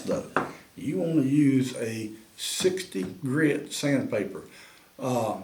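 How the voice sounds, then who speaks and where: A man's voice: medium pitch, darkish tone. Man, folksy drawl, hunting call tutorial, roomy echo, faint background noise. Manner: folksy, drawling, addresses viewers as y'all. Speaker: turkey call maker and instructor. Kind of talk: demonstration tutorial.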